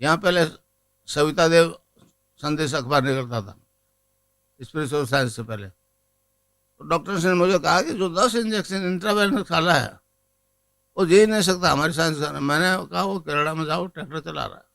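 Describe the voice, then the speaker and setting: High-voiced older guru, bright and pressing. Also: male voice, animated, moderate pace, creaky, pauses often, poor audio. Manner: storytelling, then leads chanting of a mantra. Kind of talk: spiritual discourse to a gathering.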